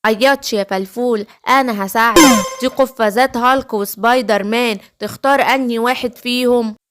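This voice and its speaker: A woman with an Egyptian accent voicing a kind, gentle witch who comforts and helps. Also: a little high, fairly even intonation, a little fast, heavy background noise, lightly acted. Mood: soothing. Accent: Egyptian Arabic. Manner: soothing, explaining.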